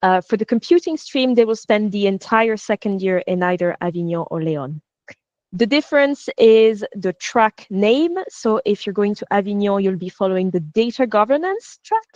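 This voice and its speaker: A woman's voice: mid-range voice, lively intonation, moderate pace, a little mellow, no echo. A woman with an Irish accent, a program coordinator giving a friendly online presentation, explaining step by step with filler sounds. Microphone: video call. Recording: dull lo-fi video call audio.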